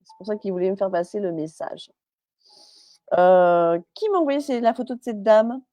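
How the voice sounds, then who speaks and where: A woman's voice: medium pitch, expressive, moderate pace, mellow, no echo. A woman medium on a live stream, chatty and hesitant, with many fillers and restarts, relaying messages as quoted speech.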